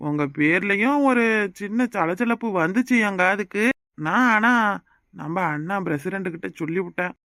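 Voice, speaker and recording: A man's voice: high voice, normal speed, pushed and bright, dry recording, studio quality. A man voicing a patronizing middle-aged party fixer in a cartoon, with a southern Tamil Nadu rural accent. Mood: persuading. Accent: southern Tamil Nadu rural dialect. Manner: patronizing, persuasive. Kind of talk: cartoon voice acting.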